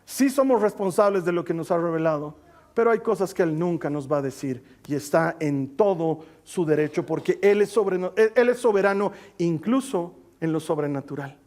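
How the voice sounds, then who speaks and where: A man preaching a sermon as pastor, telling a story with lively swings between loud and quiet delivery and asking his congregation to read along. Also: a little high, moderate pace. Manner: asks the congregation to read scripture aloud with him.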